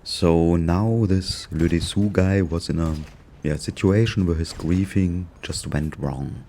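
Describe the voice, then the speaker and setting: A man's voice: low-pitched, slow, vocal fry, dark tone, a little hiss or hum. A man with a German accent narrating his gameplay in a dry, sarcastic, amused way. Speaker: gaming YouTuber narrating gameplay. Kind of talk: casual gameplay commentary.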